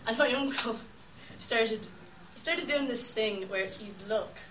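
A woman's voice: fairly high pitch, slow, fairly bright tone, a little hiss or hum. A young Irish woman telling a rambling story live, laughing often and breaking off into asides. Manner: rambling, laughing, self-interrupting with "like". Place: live storytelling night venue. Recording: echoey room, mic at a distance, audience heard. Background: audience.

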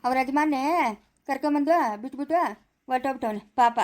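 A woman's voice: high voice, steady tone, fast, lightly acted. A woman playing a kindly, motherly village laborer who soothes and consoles in rural Chikkaballapur Kannada. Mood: explaining. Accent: Kannada, Chikkaballapur rural dialect. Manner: soothing and consoling, repeats hush phrases. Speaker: poor day laborer who shelters a lost girl. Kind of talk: village family skit.

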